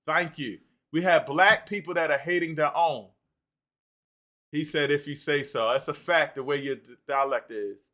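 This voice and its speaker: Male stream host, bright and fairly high voice, works through the chat out loud. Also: normal speed. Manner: animated, reads out and answers chat comments. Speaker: livestream host. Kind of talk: livestream talk reading chat comments.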